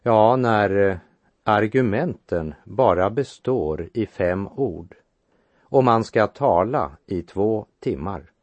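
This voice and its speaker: Deep-voiced man preaching a Bible sermon. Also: darkish tone, dry recording. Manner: measured, didactic, reads scripture aloud. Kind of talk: radio sermon, Bible exposition.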